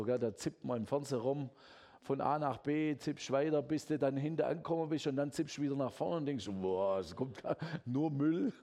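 Guy preaching, chatty and lively, keeps saying gell. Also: mid-range voice, creaky. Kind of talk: sermon.

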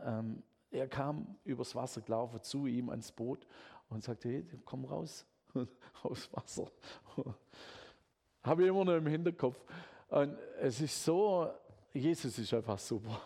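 Guy preaching, chatty and lively, keeps saying gell. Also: mid-range voice. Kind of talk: sermon.

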